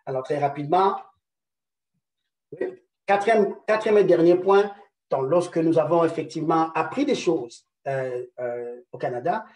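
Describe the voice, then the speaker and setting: A man's voice: on the high side, animated, measured pace, a little mellow, echoey room, distant mic. A man giving a conference presentation, hesitating often with repeated words and fillers, and checking in with his audience through rhetorical questions. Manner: rhetorical "n'est-ce pas" tags. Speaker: conference speaker. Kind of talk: presentation lecture.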